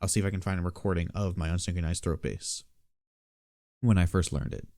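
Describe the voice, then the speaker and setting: A man with a lowish, gravelly voice talks through a casual beatbox tutorial. His delivery is relaxed and matter-of-fact, like someone explaining a technique to friends. The sound is close and dry. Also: a little fast, dry recording.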